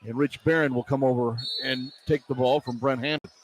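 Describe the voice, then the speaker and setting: An American man calls live basketball play-by-play on the radio from courtside in an indoor arena, his mid-range voice quick and fairly even as clipped phrases track each pass and shot. The low-quality broadcast carries arena noise behind him, with crowd ambience and a bouncing ball.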